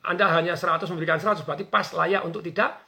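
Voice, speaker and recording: Energetic male business coach, high and bright, jumps into quoted voices. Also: racing. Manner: energetic, acts out quoted bosses and workers. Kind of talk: animated radio talk.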